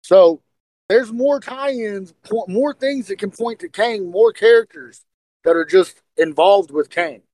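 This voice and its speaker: A man co-hosting a casual podcast, talking excitedly and speculating, often stumbling and repeating words. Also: high voice, slow, rough recording. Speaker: podcast co-host.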